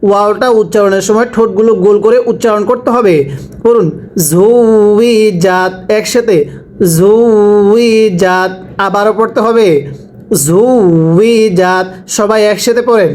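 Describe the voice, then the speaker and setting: Man, Quran reading teacher, very slow call-and-repeat drilling, spells letters then drawls the word. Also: high-pitched, steady tone, a little mellow, a little hiss or hum, poor audio. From Bangladesh.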